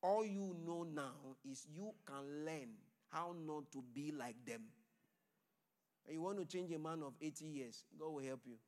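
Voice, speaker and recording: A man preaching a sermon in a pleading, call-and-response way, pausing for the congregation to answer. His voice sits slightly higher than most men's. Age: adult. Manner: loud declaring blessings.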